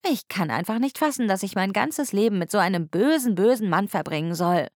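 A woman's voice: medium pitch, animated, fairly quick, dry recording, clean studio sound, close to an everyday voice. A woman reading an audiobook, voicing a playful, stubborn young woman who protests in a raised, whiny tone. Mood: protesting.

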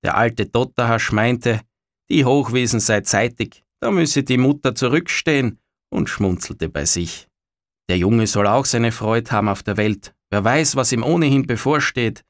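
A man reading a story aloud in a measured way, falling quiet at pauses. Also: mid-range voice, no echo, studio quality. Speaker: narrator. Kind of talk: storybook narration.

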